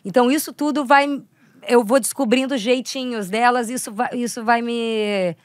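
A woman's voice: on the high side, fairly even intonation, moderate pace, no echo, clean studio sound. A young woman, chatting animatedly as an actress guest on a podcast. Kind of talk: casual podcast chat.

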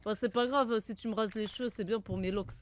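A woman's voice: fairly high pitch, steady tone, brisk. A woman playing a tattoo artist in a GTA roleplay, friendly and easygoing.

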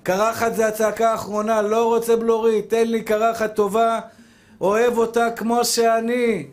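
A man's voice: very high voice, flat delivery. A man, a rabbi, giving a fervent sermon, calling listeners his dear brothers and acting out imagined dialogues with God. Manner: rhetorical questions. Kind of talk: spoken Torah lesson, sermon.

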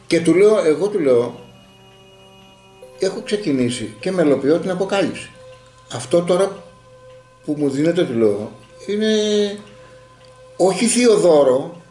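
A man's voice: on the high side, animated, pauses often, dark tone, roomy sound, soft background music. A man telling a long story in casual group talk and acting out the dialogue as he goes.

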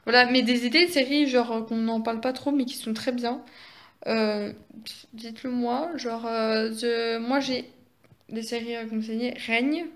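A woman's voice: a little high, fairly even intonation, a little slow. Rambling teen girl vlogging. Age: teenager, 16. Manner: chatty and rambling, full of hesitations and restarts. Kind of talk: casual chat vlog. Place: at home during lockdown. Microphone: phone held at arm's length.

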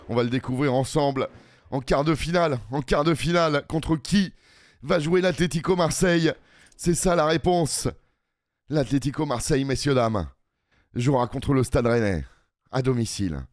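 A man from France giving lively football commentary over a game he is playing, shouting and repeating calls at big moments. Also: medium pitch, normal speed, no room sound, studio quality. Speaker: gaming YouTuber. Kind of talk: excited let's-play match commentary.

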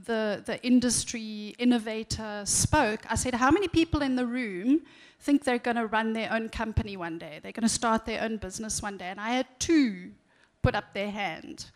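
A woman on a conference panel telling a quick anecdote with passion. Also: on the high side. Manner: passionate, storytelling. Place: conference stage, large hall.

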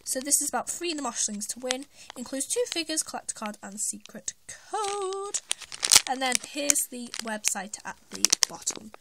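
A woman doing an excited toy unboxing review, who talks eagerly and squeals when she finds something new. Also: high voice, a little fast, hardly any pauses. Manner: excitable, squeals names of toys. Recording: loud background noise, packaging crinkling.

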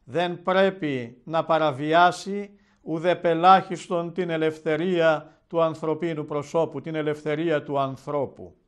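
A man, an Orthodox bishop, preaching a televised Gospel sermon in a measured, solemn storytelling manner. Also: fairly high pitch, fairly even intonation.

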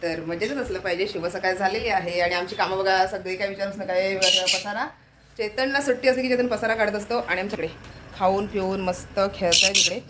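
Fast-talking woman vlogging at home. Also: medium pitch, heavy background noise. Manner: chatty, addressing viewers directly. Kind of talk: casual home vlog narration.

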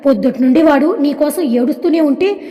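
A man's voice: very high-pitched, brisk, dark tone. A woman voicing a young man who teases and scolds in a storybook reading. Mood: teasing. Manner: teasing scolding. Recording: long hall reverb.

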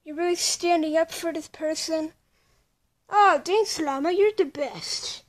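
A woman performing an improvised toy skit, voicing every part herself and switching quickly between characters with playful exclamations. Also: extremely high pitch.

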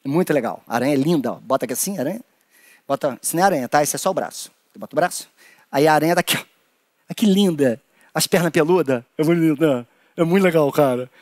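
Lively, high-voiced Brazilian man. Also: fast, no echo, clean studio sound. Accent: Brazilian Portuguese. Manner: animated, playful, acts out creatures in squeaky high voices. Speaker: children's performer leading a hand-play workshop. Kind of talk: playful children's lesson with acted little voices.

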